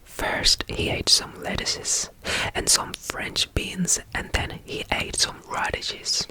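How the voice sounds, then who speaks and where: An ASMR roleplayer whispering softly and soothingly as a caretaker, repeating gentle phrases and reading a bedtime story aloud. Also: slow, rough recording.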